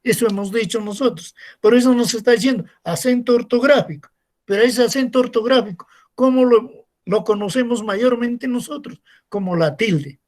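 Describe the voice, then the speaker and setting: A man's voice: extremely high pitch, normal speed, a little mellow. A male secondary school teacher giving a recorded class, explaining step by step and asking rhetorical questions to his students.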